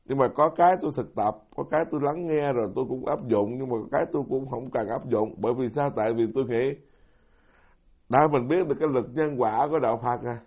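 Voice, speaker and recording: A man's voice: medium pitch, quick pace, darkish tone, highs cut off. A middle-aged man, a Buddhist monk giving a folksy, self-deprecating dharma talk who keeps putting questions to his audience. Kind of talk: sermon.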